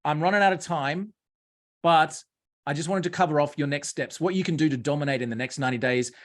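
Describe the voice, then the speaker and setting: An Australian man runs a live webinar in a somewhat high voice. He clicks through his screen as he goes and gives viewers direct, coaching instructions. His tone stays practical and upbeat. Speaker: host.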